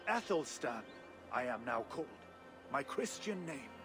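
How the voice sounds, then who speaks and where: Guthrum, a gentle old Viking king. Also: medium pitch, very animated, music in the background. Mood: calm. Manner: slow, gentle, laughs often. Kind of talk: video game cutscene acting.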